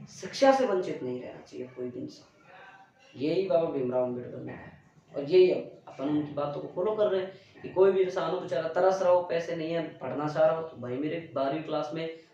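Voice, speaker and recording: A man's voice: fairly high pitch, normal speed, mellow. Blunt young male teacher in echoey classroom. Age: young adult. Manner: earnest, lecturing students directly, blunt. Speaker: coaching teacher. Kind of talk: classroom motivational talk. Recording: very echoey room, distant mic, dull sound.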